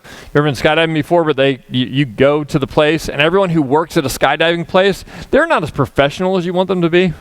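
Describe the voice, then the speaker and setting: A man's voice: on the high side, quick pace, dry recording. A male guest pastor on a church stage, preaching a conference sermon through humorous, self-deprecating stories. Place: church stage before a live audience.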